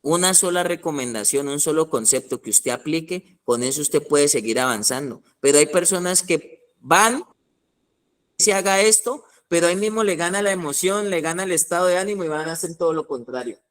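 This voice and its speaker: A man preaching a teaching sermon, animated, acting out little scenes and asking his listeners questions. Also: on the high side, a little fast. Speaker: pastor.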